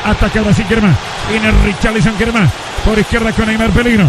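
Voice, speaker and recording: A man with a Uruguayan accent giving excited live radio football commentary, repeating words in bursts and drawing out his calls. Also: high voice. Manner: excitable, repetitive rapid-fire phrasing. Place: live sports radio broadcast, noise behind the voice. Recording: very noisy AM radio match broadcast.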